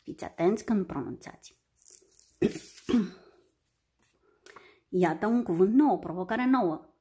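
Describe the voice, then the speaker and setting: A woman teaching young children a phonics lesson, sounding out letters and syllables slowly and carefully. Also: mid-range voice, animated, mellow, breathy edge.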